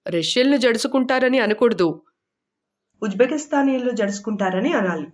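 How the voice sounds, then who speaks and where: A woman reading the part of a boastful young man who shows off his knowledge, jumping between eager high lines and low, backpedaling ones. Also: expressive, normal speed.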